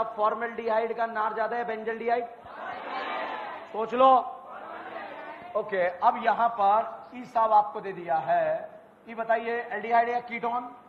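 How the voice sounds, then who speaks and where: A male chemistry teacher with a strikingly high voice quizzes his students nonstop in a call-and-response rhythm, shouting now and then to drive a point home. The sound is muffled and lo-fi, with a long hall echo behind him. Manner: bursts of loud shouted emphasis. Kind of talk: exam-prep lecture.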